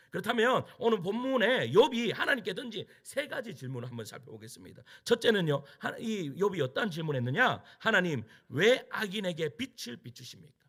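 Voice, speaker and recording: Male pastor preaching, high lively voice, kinda gravelly and husky, keeps asking the congregation questions. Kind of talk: sermon.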